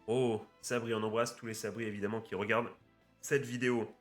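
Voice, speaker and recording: Excitable, foul-mouthed young-sounding man. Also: lowish voice, fast talker, faint music behind. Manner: excitable, swears often, chatty with viewers. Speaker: card-opening YouTuber. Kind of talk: casual unboxing commentary. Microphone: webcam setup at a desk.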